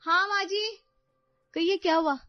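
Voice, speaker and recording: A woman's voice: very high-pitched, fairly even intonation, measured pace, no room sound, voice pushed up. A woman voicing a meek young daughter-in-law in a cartoon story, polite and pleading. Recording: dull dry voice-over with faint music.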